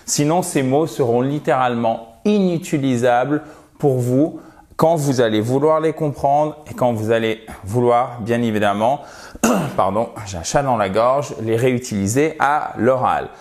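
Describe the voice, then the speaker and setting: A man's voice: mid-range voice, measured pace, a little mellow. A man teaching English vocabulary in a language lesson, patiently repeating words for pronunciation.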